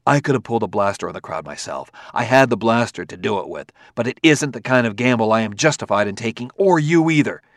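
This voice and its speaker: A man's voice: on the low side, lively intonation, quick pace, few pauses, dry recording, studio quality, close to an everyday voice. A man doing a curt, irritable detective. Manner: curt, forceful. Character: irritable weary male detective.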